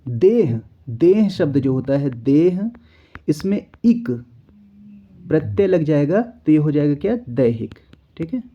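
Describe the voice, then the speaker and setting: A man's voice: a little high, animated, a little slow. A man teaching an exam-prep spelling lesson, explaining step by step and often checking in with the learner. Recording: dull lo-fi recording.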